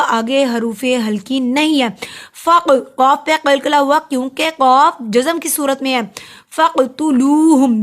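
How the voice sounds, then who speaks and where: A woman teaching Quran recitation rules, explaining each letter and drawing out the words slowly. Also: sits high. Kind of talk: tajweed lesson with recitation.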